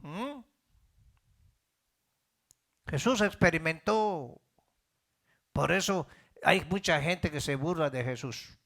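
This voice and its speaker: A man's voice: fairly high pitch, lively intonation, takes it slowly, vocal fry, pauses often, fairly bright tone. A middle-aged man preaching a sermon as pastor, building in fervor and calling out questions to his congregation.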